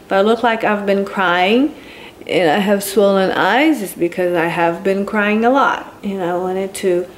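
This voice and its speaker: A woman's voice: mid-range voice, unhurried, slight background noise. A woman giving an earnest, confiding personal video update, her speech slurred and thick from a painfully swollen tongue, sounding sore and tired. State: in pain and tired, speaking with a sore mouth. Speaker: vlogger.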